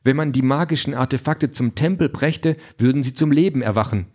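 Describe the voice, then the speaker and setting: A man reading an audiobook in a dry, lively storytelling manner. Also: medium pitch, a little fast. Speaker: narrator.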